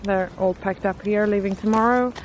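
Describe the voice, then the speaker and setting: Halting woman vlogging over background noise. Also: medium pitch. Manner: halting, thinking aloud. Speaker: vlogger, travelling parent. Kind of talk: casual vlog talk. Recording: steady background noise, vehicle-like ambience.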